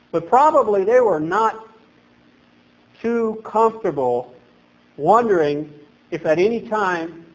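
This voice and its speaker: Captured by a distant camera, a man in his thirties, a pastor, delivers a sermon at a lectern inside a small chapel. His high-sitting voice is animated and emphatic.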